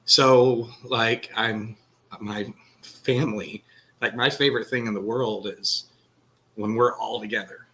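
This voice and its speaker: A man's voice: lowish voice, fairly even intonation, slow, sharp tone, rough recording. A man with a Texan accent, co-hosting a podcast and talking earnestly in a rambling, casual way. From Texas. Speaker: podcast co-host. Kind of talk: casual candid conversation.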